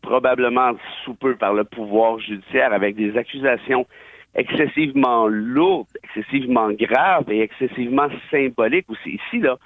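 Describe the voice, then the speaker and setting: A man's voice: medium pitch, moderate pace, no room sound. A man with a Québécois accent giving emphatic, opinionated radio commentary with wry asides. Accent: Québécois French. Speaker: political and legal commentator. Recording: tinny dry phone line.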